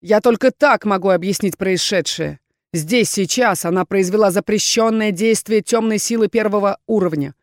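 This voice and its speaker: A woman voicing a cold, suspicious male dark elf student who speaks sternly. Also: mid-range voice, moderate pace, no room sound, studio quality, close to an everyday voice.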